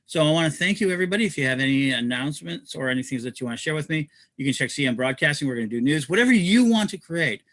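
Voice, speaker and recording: Rapid-fire and nearly pause-free, this fairly high, bright male voice moves with lively intonation and no echo. He hosts a promotional livestream, enthusing about community projects in a rambling way full of restarts.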